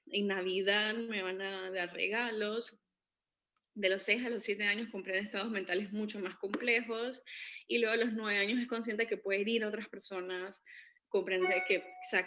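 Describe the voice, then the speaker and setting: Bright-voiced woman explaining. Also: mid-range voice. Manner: hesitant, many fillers and restarts. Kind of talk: informal educational talk.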